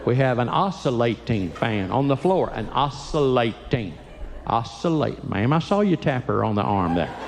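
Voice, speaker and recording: A man's voice: mid-range voice, big pitch swings, moderate pace, creaky, long reverb tail, slight background noise. An older man doing stand-up comedy in a church, folksy, teasing the audience and acting out quotes. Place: church sanctuary.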